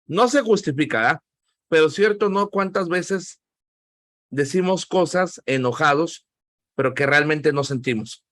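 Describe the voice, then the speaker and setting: Animated Mexican man teaching a Bible class. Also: on the high side, a little slow, dry recording. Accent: Mexican Spanish. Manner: animated storyteller, often says "hermanos" and "¿verdad?", acts out quoted voices. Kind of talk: preaching-style lesson with personal anecdotes.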